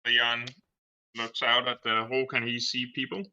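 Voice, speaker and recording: A man playing a tabletop game, haltingly improvising narration of his character's actions. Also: medium pitch, little pitch movement, sharp tone, smooth, dull audio.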